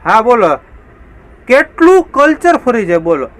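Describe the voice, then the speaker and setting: A young married man hosting a comedy channel, telling jokes in a lively monologue and voicing the people in them. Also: very high-pitched, a little slow, poor audio. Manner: lively storyteller, slips into voiced quotes.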